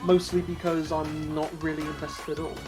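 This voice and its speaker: A man's voice: fairly high pitch, flat delivery, moderate pace, a little mellow. British man explaining in gaming chat. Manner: repeats and restarts, explaining. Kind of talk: casual chat while gaming. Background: racing game music.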